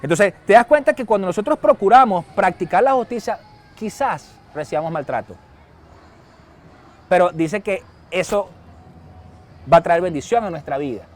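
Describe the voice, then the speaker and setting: A middle-aged Venezuelan pastor preaching with a high, bright-toned voice. He tells stories in an animated way and raises his voice sharply when he acts out a scene. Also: normal speed, long pauses, faint music behind. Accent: Venezuelan Spanish. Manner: storytelling, animated, shouts when acting out a scene. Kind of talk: sermon.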